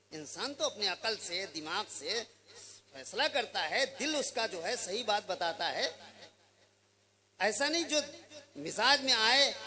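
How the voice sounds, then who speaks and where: A man's voice: extremely high pitch, bright, forceful tone. A man delivering a mosque sermon, exhorting his listeners with rhetorical questions and recited Arabic verses. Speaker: Islamic preacher.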